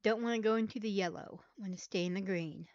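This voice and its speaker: A woman's voice: medium pitch, fast, darkish tone, no echo, highs cut off. A woman hosting a casual live reaction stream, chatting aloud as she watches clips. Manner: chatty, reacts aloud, fiddles with mic levels.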